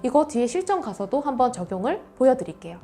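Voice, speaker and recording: A woman's voice: high voice, big pitch swings, fast, dark tone. A woman teaching an exam-prep English lesson in an emphatic, coaching way. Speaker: English tutor.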